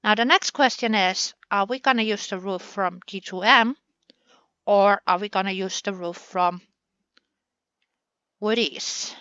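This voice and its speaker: A woman's voice: medium pitch, measured pace, pauses often, bright, forceful tone, smooth, dry recording, dull audio. A woman hosting a gaming channel, chatting through a building session in a playful way and talking to the game pieces as she works.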